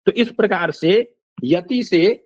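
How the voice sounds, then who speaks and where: Slow, measured older male lecturer. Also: high-pitched, darkish tone, dry recording. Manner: slow, measured, recites verses and examples. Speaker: Sanskrit phonetics teacher. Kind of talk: lecture explaining a text line by line. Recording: dull, lo-fi dry recording.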